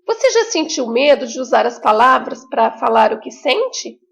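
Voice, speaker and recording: A woman teaching a remote lesson to young children with a Brazilian Portuguese accent, in a slow, sing-song, encouraging way with drawn-out words. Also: high-pitched, big pitch swings, vocal fry. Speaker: primary school teacher.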